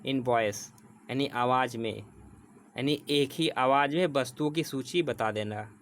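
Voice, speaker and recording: Male tutor, mid-pitched voice, patient and repetitive delivery, faint hiss in the background. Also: a bit bright. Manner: explains slowly with repetition, reads English definitions word by word. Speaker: teacher. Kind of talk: exam prep vocabulary lesson.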